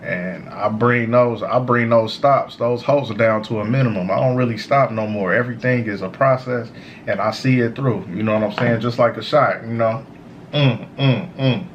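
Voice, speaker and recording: A man who sounds high, giving a casual, slangy, meandering stoner monologue of motivational advice as a show host. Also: normal speed, dull audio, a little hiss or hum. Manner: repeats "you know" tags, informal slangy phrasing. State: high on cannabis. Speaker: host of a smoke session series.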